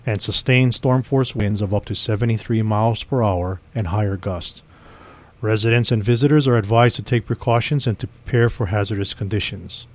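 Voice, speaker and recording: A man reading a civil defense emergency broadcast message in a formal, measured, official way. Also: fairly low pitch, a little mellow.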